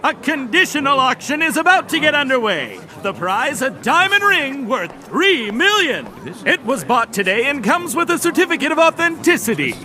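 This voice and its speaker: Brash high-voiced young carnival-style hustler. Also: male voice, very animated, full character voice. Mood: showy, excited. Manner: theatrical, drawn-out sales calls. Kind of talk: animated dub dialogue, showman patter. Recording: loud music and crowd behind.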